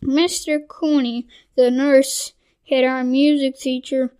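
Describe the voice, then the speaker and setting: A woman with a high voice reads a children's storybook aloud at an unhurried pace. She often trips over words and starts them again, correcting herself as she goes. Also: level tone, a little mellow, clean tone. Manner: reading with frequent restarts and self-corrections. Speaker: audiobook reader. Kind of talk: children's audiobook narration.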